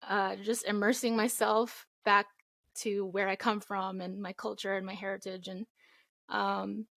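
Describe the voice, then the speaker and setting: A woman's voice: medium pitch, level tone, measured pace, vocal fry, a bit bright, no echo, studio quality. A young woman from the Philippines, raised in Florida, answering interview questions earnestly with frequent ums. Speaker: indie singer-songwriter guest.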